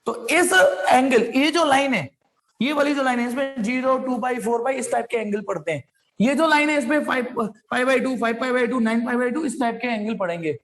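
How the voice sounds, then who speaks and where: High-voiced man teaching a physics class. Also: brisk, fairly bright tone. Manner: addresses students directly, stops to ask them questions; repeats points over and over. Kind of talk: online class lecture.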